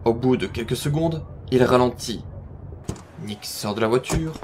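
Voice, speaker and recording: Slow-paced male audio drama narrator. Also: medium pitch, darkish tone, a little hiss or hum.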